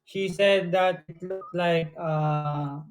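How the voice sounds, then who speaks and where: Low-voiced teasing Filipino woman. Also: fairly even intonation, takes it slowly, faint music behind. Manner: teasing, laughs at her partner, mixes Tagalog and English. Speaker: livestream co-host. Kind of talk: casual live-stream chat.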